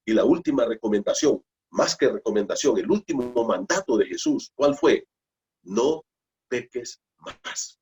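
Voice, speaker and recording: A man's voice: medium pitch, sing-song, moderate pace, a little mellow. A man preaching a Bible study sermon, emphatic, repeating phrases and asking rhetorical questions. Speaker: pastor.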